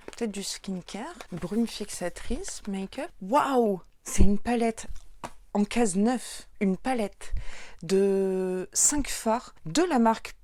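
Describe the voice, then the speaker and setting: A woman's voice: medium pitch, takes it slowly, darkish tone. A woman with a French accent, chatting casually through a beauty unboxing and gushing over each item. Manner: bubbly, gushing, with many fillers. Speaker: beauty youtuber.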